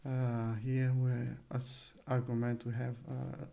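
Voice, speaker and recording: A man's voice: mid-range voice, monotone, takes it slowly, vocal fry, mellow, a little hiss or hum. A man narrating a live coding screencast, thinking aloud with many fillers and self-corrections, at a desk microphone. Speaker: coding tutor. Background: keyboard typing and clicks.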